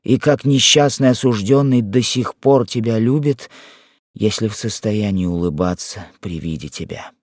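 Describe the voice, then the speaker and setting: A man reading a troubled young husband's lines in a low, slow, tender way. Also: no echo, studio quality. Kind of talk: audiobook character reading.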